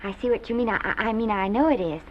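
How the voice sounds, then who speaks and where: A woman's voice: mid-range voice, fast talker, slight background noise, natural voice. An actress playing a hopeful, earnest young woman from a small town who wants to act, in a 1930s film. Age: young adult. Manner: earnest, shy, eager. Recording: dull 1930s film soundtrack.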